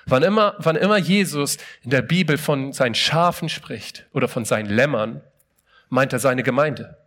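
A man's voice: mid-range voice, moderate pace, a bit bright. A man preaching a sermon in a casual, emphatic way, asking his listeners many rhetorical questions and often opening a phrase with "hey".

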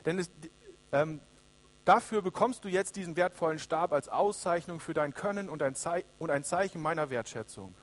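A man voicing an old dying king who is weary and regretful, speaking low and quietly. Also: moderate pace, close to an everyday voice. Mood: gracious. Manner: low, quiet, sorrowful delivery.

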